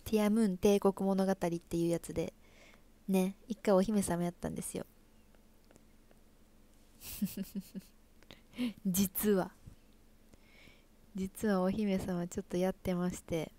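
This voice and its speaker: A woman's voice: mid-range voice, fairly even intonation, slow pace, long pauses, warm tone. A young woman from Osaka speaking in Kansai dialect, casually chatting with viewers and reading their comments on a live stream. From Osaka, Japan. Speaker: livestream host and stage actress.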